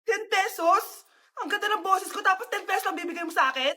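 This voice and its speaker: A woman's voice: very high voice, fairly quick, pushed and bright, pitched above the performer's own voice. A woman voicing a bratty young caroler kid in a comedic skit, with a cheeky, sassy manner. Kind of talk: comedic skit role-play.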